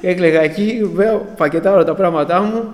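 A man's voice: high voice, a little mellow. A man giving an earnest, emotional personal testimony to a church congregation and addressing them as brothers. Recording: echoey hall with long reverb.

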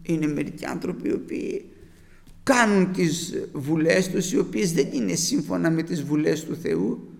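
High gravelly male preacher in a reverberant hall. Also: a little mellow. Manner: emphatic, quoting scripture with rhetorical questions. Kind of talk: sermon.

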